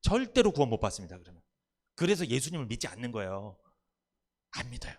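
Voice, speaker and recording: A man's voice: mid-range voice, very animated, fast, darkish tone. A male pastor preaching a Sunday sermon in church, putting questions to the congregation and answering them himself. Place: church sanctuary.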